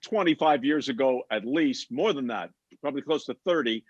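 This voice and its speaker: A man's voice: mid-range voice, expressive, no room sound. Chatty male moderator on a dull dry mic. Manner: chatty, laughs along, tells quick stories before asking. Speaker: panel moderator. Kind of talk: hosting a panel discussion.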